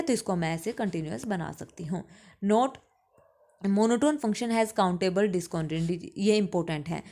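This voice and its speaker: A woman giving an exam-prep math lecture. She explains step by step, asks questions and answers them herself, and reads English definitions slowly before restating them in Hindi. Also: mid-range voice, mellow. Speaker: math teacher.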